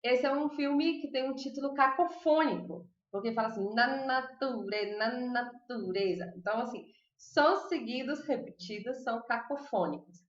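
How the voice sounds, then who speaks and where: A woman teaching a language class online, chatting with her students, asking them questions and slowly repeating lists of words. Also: sits high, echoey room, dull audio. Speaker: Spanish teacher.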